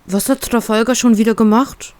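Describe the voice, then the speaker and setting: A woman voicing a gentle male bear who stammers and fusses with worry. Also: on the high side, steady tone, normal speed, no echo, close to an everyday voice. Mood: worried. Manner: worried, stammering, soft-spoken.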